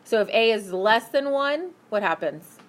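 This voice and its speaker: A woman teaching a math class, brisk and upbeat, asking her students questions as she works through problems. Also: a little high, expressive, a little hiss or hum. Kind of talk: classroom lesson.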